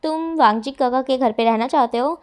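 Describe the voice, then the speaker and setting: A woman voicing a caring, gently stern mother in a story reading, soothing and coaxing. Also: high voice, brisk, clean tone, natural voice. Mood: gentle firm.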